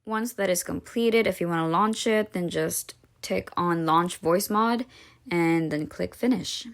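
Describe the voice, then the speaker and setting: A woman whose voice sits slightly low hosts a how-to tutorial video. She walks through each step at a measured pace, keeping her instruction casual.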